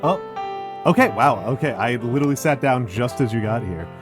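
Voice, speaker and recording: An older man chats casually as the host of a livestream. His voice sits at an average male pitch, and he tends to repeat his phrases. Music plays clearly behind him. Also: fairly quick. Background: background music.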